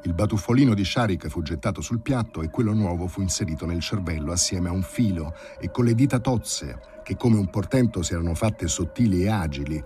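A man reading a novel aloud in a measured, vivid storytelling manner. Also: low voice, animated, dark tone, faint music behind. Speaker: audiobook reader. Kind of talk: dramatic literary reading.

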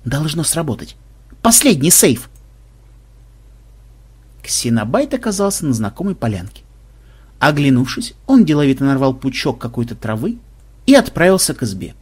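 A man reading a humorous story aloud as the narrator, in a lively, wry storytelling manner. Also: mid-range voice, a little fast, husky. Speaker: audiobook narrator. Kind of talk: scripted narration.

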